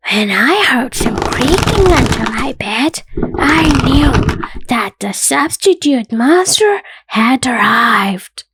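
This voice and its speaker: A woman with a very high voice reads a children's bedtime story aloud. She narrates slowly and expressively, with playful emphasis. The sound is close and dry. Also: no room sound.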